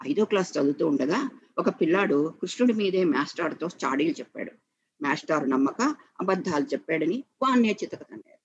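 Husky guy reading a story aloud, slow and feeling, dry muffled recording. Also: on the high side, animated, no room sound. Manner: slow and measured, with emotional emphasis. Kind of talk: storytelling narration.

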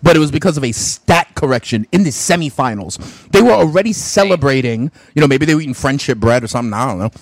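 A man's voice: medium pitch, fast, no echo. A young man hosting a fantasy sports radio show, chatting casually and animatedly while opening gifts. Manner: animated, exclaiming, talks with mouth full.

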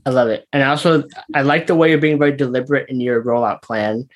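A man's voice: medium pitch, steady tone, quick pace. A man in a casual interview chat, talking like a tech bro with lots of "like" and "you know".

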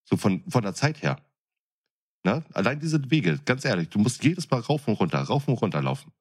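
With a lowish, slightly breathy voice that swings widely in pitch, this podcast co-host, a seasoned window fitter, pushes his point at a moderate pace. His talk is casual, colloquial, blunt and coarse, an opinionated argument delivered emphatically.

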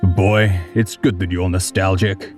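A man voicing a gruff, easygoing old male swordsman in an audiobook, blunt and laughing. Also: sits low, level tone, a little slow, darkish tone, soft background music. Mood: gruff easy. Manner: laughing, blunt, calls others boy. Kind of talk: audiobook character voice.

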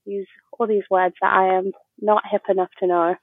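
A woman from England, a guest in a casual chat, explaining things in a measured way. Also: medium pitch, little pitch movement, no echo, phone-quality sound.

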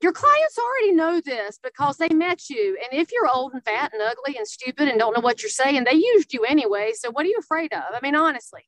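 A woman's voice: high voice, fairly bright tone, dry recording, poor audio. A woman with a Southern American accent giving conversational coaching in a blunt, folksy, emphatic way. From Southern United States. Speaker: social media coach for realtors, guest.

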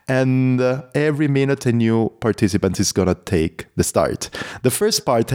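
A man's voice: medium pitch, darkish tone. A man with an Italian accent hosting a race event, chatting with riders and firing off enthusiastic follow-up questions into a handheld mic. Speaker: race event host and interviewer. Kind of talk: casual on-site interviews and race commentary. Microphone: handheld microphone.

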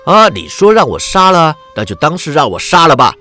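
A man's voice: on the high side, wildly swooping pitch, brisk, bright, forceful tone, faint music behind, full character voice. A man voicing a fierce, defiant captive Jurchen warrior who speaks with a cold, mocking sneer in a wuxia story. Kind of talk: wuxia audiobook character voice.

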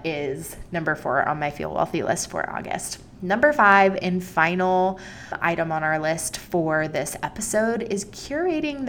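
A woman's voice: lowish voice, a little hiss or hum. A young adult woman hosting her solo podcast, chatty and enthusiastic with playful emphasis. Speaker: podcast host.

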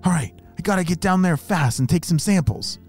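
A man voicing an excited young boy spy who bursts out eager exclamations in a children's story. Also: high voice, fairly quick, breathy edge, faint music behind, pitched above the performer's own voice.

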